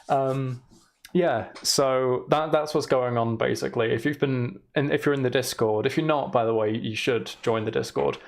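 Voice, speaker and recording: Creaky young man streaming in an echoing room. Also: medium pitch. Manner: rambling, chatty. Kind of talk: casual livestream chat. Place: emptied room in a house, indoors. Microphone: microphone attached to a shelf.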